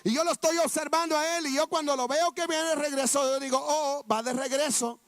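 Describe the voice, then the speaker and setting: A man's voice: very high voice, fairly even intonation, fast, fairly bright tone, dry recording, clean studio sound. A man preaching a sermon testimony, fervent and repetitive, often calling out to his listeners as brothers.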